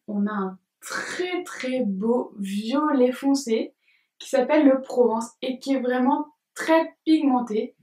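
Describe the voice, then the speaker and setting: A young woman vlogger reviewing makeup palettes, gently describing each shade and laughing softly now and then. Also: on the high side. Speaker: beauty vlogger. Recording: roomy sound, from a distance.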